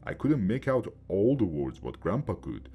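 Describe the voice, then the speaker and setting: A man reading a first-person horror story aloud in a steady, measured way. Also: lowish voice, breathy edge, highs cut off.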